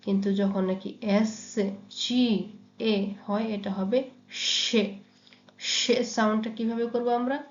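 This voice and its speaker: A woman giving a pronunciation lesson, saying example words slowly and repeating each one. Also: on the high side, steady tone. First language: Bengali. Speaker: Italian language teacher. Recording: echoey, dull lo-fi room sound.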